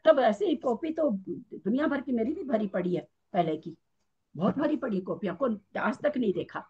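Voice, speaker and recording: Husky, chatty woman teaching a class. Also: fairly high pitch, expressive, normal speed, dull audio. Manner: chatty, repeats and restarts, homely examples. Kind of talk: casual teaching talk.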